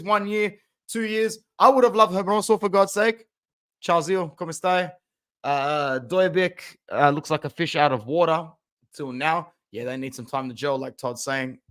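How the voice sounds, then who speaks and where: A young man hosting a casual football fan stream, chatting and reacting aloud to match highlights, with loud outbursts and low muttered asides. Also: steady tone, normal speed, clean tone. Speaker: football fan channel host. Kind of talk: casual live-stream commentary.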